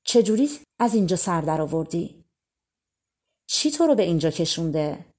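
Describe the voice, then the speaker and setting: A kind old peasant woman from a storybook speaks to a young traveller in a warm, motherly way, voiced by a woman. Her voice is fairly low and gentle. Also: sing-song. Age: older.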